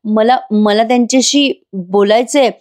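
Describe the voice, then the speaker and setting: A woman's voice: fairly high pitch, measured pace, darkish tone, natural voice. A woman reading out a desperate pleading young husband. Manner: pleading, insistent, repeats himself.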